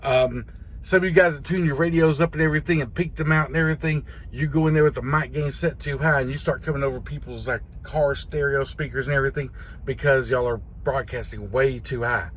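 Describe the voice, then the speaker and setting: The speaker is a host and truck driver giving a casual, folksy walkthrough of radio controls in an instructional video, rambling the way a trucker teaching others might. His medium-pitched voice is steady, fairly quick, and fairly bright, with a little hiss or hum in the recording.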